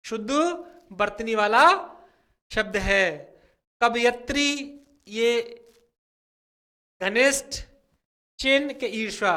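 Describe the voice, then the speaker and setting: A young man coaching students for exams, walking through spelling questions and drawing out each word slowly as he explains it. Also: high voice, bright, forceful tone. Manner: repeats words slowly and drawn out, fills with "theek hai". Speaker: exam coaching teacher.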